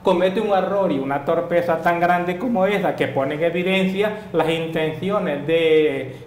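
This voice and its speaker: A man's voice: fairly high pitch, a little slow, echoey room, a little hiss or hum. A man gives critical political commentary in a television studio discussion, pressing his point with rhetorical questions.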